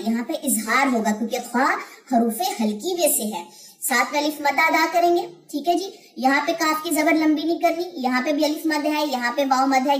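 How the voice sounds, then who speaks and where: A woman's voice: high voice, reverberant. A woman teaching Quran recitation rules, explaining each point step by step and answering her own questions.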